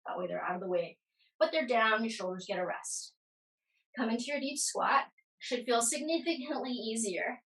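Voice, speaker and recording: A woman's voice: a little high, moderate pace, gravelly, a bit bright, far from the mic, low-quality recording. A woman giving casual, reassuring yoga class instruction, guiding and encouraging as she goes.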